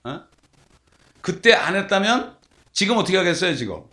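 A man's voice: on the high side, brisk, gravelly, fairly bright tone. A male pastor preaching a sermon, telling stories and asking the congregation rhetorical questions.

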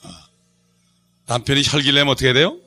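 A man's voice: medium pitch, fast talker, pushed and bright. A middle-aged male pastor preaching a Bible study sermon, quizzing the congregation and joking with them. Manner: call-and-response preaching, asks the congregation questions; jokes and laughs with the congregation.

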